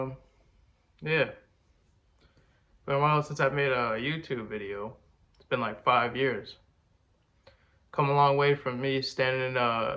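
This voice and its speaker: With lo-fi sound quality, a medium-pitched man whose voice is congested chats casually to camera. This rapper and video host rambles in an easygoing, slang-heavy way.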